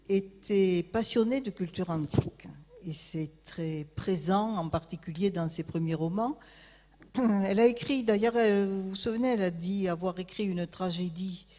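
Woman professor, public lecture, lowish voice, long hall reverb. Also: a little mellow. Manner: hesitant, with frequent fillers. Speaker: university professor presenting.

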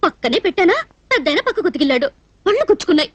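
A woman's voice: very high-pitched, sing-song, very fast, dry recording. An actress playing an innocent, dramatic young woman who pleads and slips into tears, in a dubbed film comedy. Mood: wistful.

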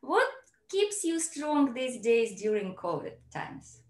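A woman's voice: a little high, sing-song, takes it slowly, darkish tone. Chatty woman host on a video call. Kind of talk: casual online interview. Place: home room, video call. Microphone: laptop mic on video call. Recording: roomy echo.

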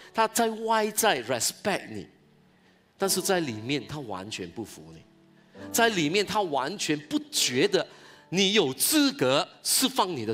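A man, a pastor giving an animated, exclamatory sermon at a church conference. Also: fairly high pitch.

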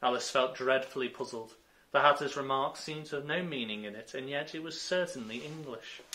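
A man narrating a children's storybook chapter, measured and expressive. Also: medium pitch.

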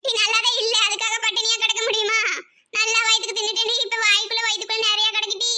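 Woman voicing an old cartoon mother-in-law, southern Tamil accent, very high and quick, grumbling gossip. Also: monotone, noisy background. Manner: complaining, scolding chatter. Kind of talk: cartoon voice acting.

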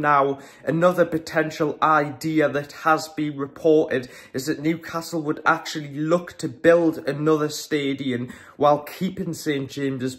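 A teenage guy vlogging to camera at home, chatty and opinionated, with frequent ums and restarts. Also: on the high side. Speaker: football vlogger. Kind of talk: casual vlog to camera. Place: small room at home, indoors.

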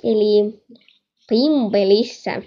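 A young woman chatting excitedly while playing a horror game, talking to viewers and scolding her mother in the background. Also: mid-range voice, dull audio. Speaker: gaming channel host. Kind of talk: game commentary.

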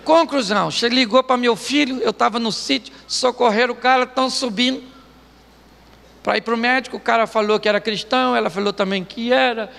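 A man's voice: very high voice, a little fast, creaky, fairly bright tone, in a large hall. A man preaching a humorous sermon as pastor, telling jokes and stories and laughing often. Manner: joking storytelling, laughing often. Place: church stage.

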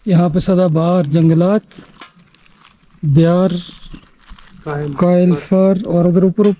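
High-voiced man vlogging a mountain hike. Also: fairly even intonation, slow, mellow, a little hiss or hum. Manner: points out the scenery to viewers as he climbs. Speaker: travel vlogger. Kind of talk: casual commentary while hiking. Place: outdoors on a mountain trail.

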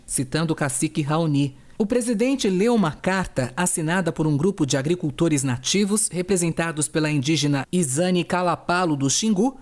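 A woman news correspondent narrating a scripted report in a steady, even delivery. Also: medium pitch.

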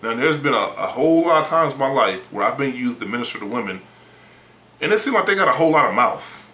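A man's voice: medium pitch, very animated, fast talker, bright, forceful tone, echoey room, rough recording. A man preaching a sermon in a blunt, emphatic, folksy way, often repeating words.

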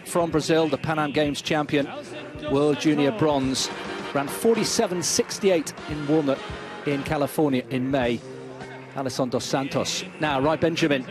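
A fairly high-voiced male play-by-play commentator calls an athletics meeting, running through the field before the start and then rising to shouts as the runners come home. Music plays clearly behind his broadcast commentary. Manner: builds to excited shouting during the race.

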